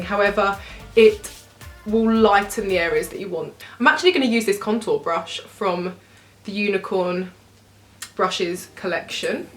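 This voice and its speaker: A woman's voice: medium pitch, echoey room. A young woman vlogger chatting casually and cheerfully through a makeup tutorial, with giggly asides. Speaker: beauty vlogger.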